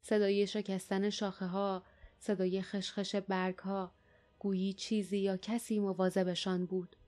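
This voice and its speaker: A woman narrating an audiobook in a calm, even storytelling manner. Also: medium pitch. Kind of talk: scripted narration.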